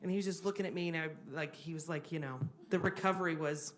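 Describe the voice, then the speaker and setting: Low-voiced woman, tearful and rambling. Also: fairly even intonation, quick pace. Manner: tearful, rambling, breaks off mid-word. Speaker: mother of the child. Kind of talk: emotional personal account. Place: council meeting room.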